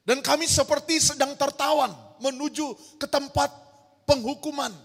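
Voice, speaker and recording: A woman's voice: high-pitched, steady tone, moderate pace, gravelly. A woman pastor preaching an emphatic sermon, firing rhetorical questions at her congregation in a large church hall. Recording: long church-hall reverb.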